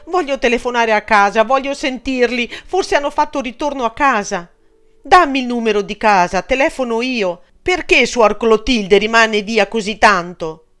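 A man's voice: very high voice, moderate pace, bright, forceful tone, smooth, pitched above the performer's own voice. A man doing a desperate young woman. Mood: urgent. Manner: urgent, pleading, agitated.

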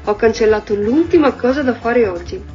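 A woman's voice: fairly high pitch, expressive, a little fast, darkish tone, dull audio, faint music behind, lightly acted. A woman voicing a fussy little toad who loves his lists, in an eager, exclaiming storybook voice. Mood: satisfied.

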